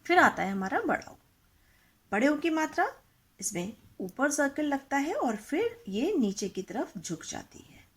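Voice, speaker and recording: Slow, lively-voiced woman teaching children. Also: high voice. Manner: patient, asks questions and repeats words for practice. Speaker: Hindi teacher.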